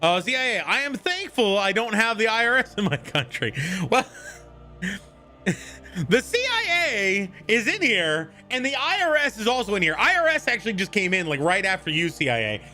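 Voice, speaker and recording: A man streaming live, chatting casually and jokily with viewers and greeting them by name. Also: high voice. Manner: animated, jokey, greets chat members by name.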